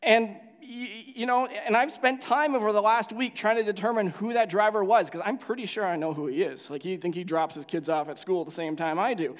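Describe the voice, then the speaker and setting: High-voiced male pastor in a reverberant hall. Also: a little fast, few pauses. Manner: conversational storytelling with frequent restarts. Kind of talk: sermon with prayer.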